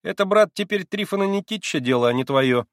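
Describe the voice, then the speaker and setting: A man's voice: high voice, expressive, fast talker, dry recording, clean studio sound, voice pushed up. A man voicing a cocky, bossy schoolboy who teases and lectures in a storybook reading. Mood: brash lecturing. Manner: brash, teasing, lecturing.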